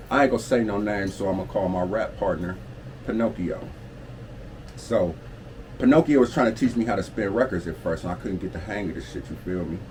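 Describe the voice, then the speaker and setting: Low-voiced man telling his story, hum behind. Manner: streetwise slang and profanity, constant "you feel me" check-ins. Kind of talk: casual storytime monologue. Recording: steady air-conditioner hum behind the voice. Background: air conditioning hum.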